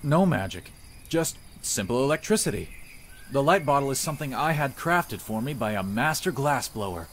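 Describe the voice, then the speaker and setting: In a visual novel, a man voices a dry, matter-of-fact village inventor who is well travelled, worldly and a self-taught showman, here in a proud, musing mood. His medium-pitched voice is sing-song and a bit bright at normal speed, with a little hiss or hum in the recording.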